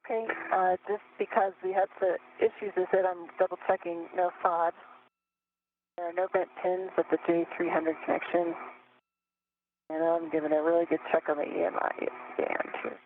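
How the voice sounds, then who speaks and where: A man's voice: sits high, little pitch movement, moderate pace. A man on a crackly sci-fi communicator radio. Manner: clipped, matter-of-fact, reports each step. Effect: crackly space-to-ground radio, like a sci-fi communicator. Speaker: spacewalking astronaut. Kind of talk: terse working radio calls. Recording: tinny crackly radio link with hiss.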